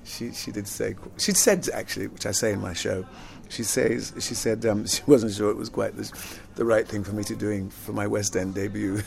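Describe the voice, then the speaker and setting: An older man who grew up in London after being born in Jamaica, an actor and singer reminiscing in a relaxed interview, rambling and repeating words, often laughing. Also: lowish voice, normal speed, creaky, few pauses.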